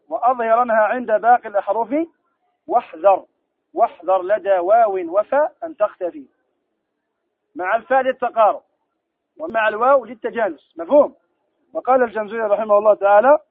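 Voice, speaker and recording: A man teaching Quran recitation rules in a classroom lesson, quizzing students and then answering his own questions, slowing down to recite verse examples. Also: sits high, no echo. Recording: tinny phone-like lo-fi recording.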